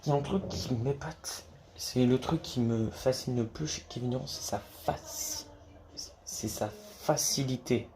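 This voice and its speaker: A man's voice: medium pitch, normal speed, noisy background. A man talking casually to camera about basketball, rambling with many restarts and casual swearing. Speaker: basketball YouTuber.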